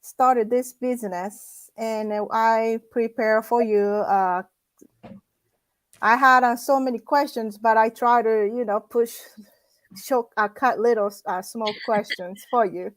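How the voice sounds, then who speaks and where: A woman hosting a casual interview, talking in a halting, chatty way with many restarts. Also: on the high side, fairly even intonation, dry recording. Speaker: host.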